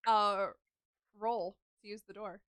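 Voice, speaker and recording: A woman runs a silly tabletop game, narrating with a giggly, rambling flow. Her voice is bright and smooth, recorded dry and close. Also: mid-range voice, steady tone, slow, no room sound. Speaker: game master.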